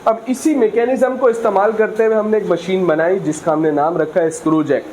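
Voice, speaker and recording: A man teaching a physics class, reading English lines slowly and explaining with frequent questions to students. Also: sits high, fairly even intonation, darkish tone, a little hiss or hum, rough recording. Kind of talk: classroom lecture.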